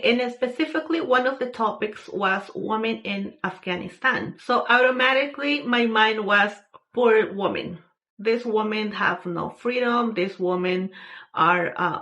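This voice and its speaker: A woman's voice: medium pitch, fairly bright tone, lo-fi sound. Earnest woman from Peru. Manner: earnest, unhurried, with frequent fillers and restarts. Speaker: vlogger sharing a personal story. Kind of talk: casual personal testimony.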